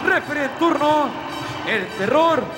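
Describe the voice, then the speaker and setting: A man with a Mexican accent announcing wrestlers as a ringmaster, booming and stretching out the names like a showman. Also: expressive, measured pace. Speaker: ring announcer. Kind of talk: ringmaster-style ring introduction. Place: large indoor wrestling arena. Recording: echoey arena sound, music behind.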